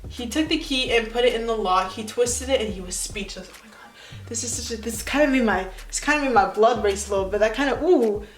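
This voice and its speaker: A woman's voice: on the high side, quick pace, hardly any pauses, roomy sound, rough recording. A woman of nineteen reading her old story aloud and breaking off for sarcastic, self-mocking comments. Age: young adult. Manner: sarcastic, self-mocking asides between read passages.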